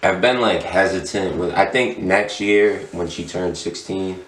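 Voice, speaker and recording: A man's voice: sits low, unhurried. A middle-aged man chatting casually as a podcast guest in a laid-back, slangy stoner drawl. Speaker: podcast guest, tattoo shop owner. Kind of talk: casual chat. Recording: roomy echo, distant mic.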